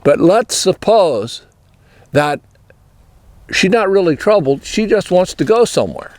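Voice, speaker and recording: A man's voice: on the high side, darkish tone, no echo. An older man giving a folksy, rambling horse-training talk in an easygoing, storytelling way.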